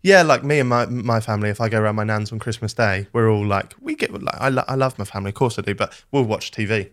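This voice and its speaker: Chatty young Englishman, low-pitched. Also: quick pace, fairly bright tone. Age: 20s. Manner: chatty, self-deprecating, frequent restarts. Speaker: podcaster. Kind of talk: casual podcast conversation.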